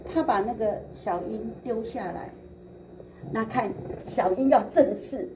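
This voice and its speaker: A woman, a preacher telling her testimony in an animated way and acting out the dialogue. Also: fairly high pitch, measured pace. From Taiwan. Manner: animated, acts out quoted dialogue, laughs often. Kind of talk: storytelling testimony sermon. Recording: recording with steady background noise.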